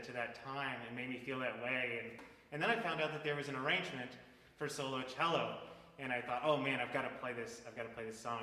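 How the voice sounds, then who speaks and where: A reverberant hall carries the bright voice of an American man speaking through a face mask. He talks informally and reflectively, pausing as he searches for words, like a musician introducing his piece. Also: medium pitch. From Florida, United States. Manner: halting, reflective. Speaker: cellist introducing a solo piece. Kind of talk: informal spoken introduction at a concert. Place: indoor performance hall. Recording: echoey hall with long reverb.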